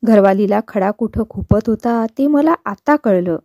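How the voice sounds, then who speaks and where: A woman reading a novel aloud in steady scripted narration with quoted dialogue. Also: mid-range voice, unhurried, no echo. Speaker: novel reader.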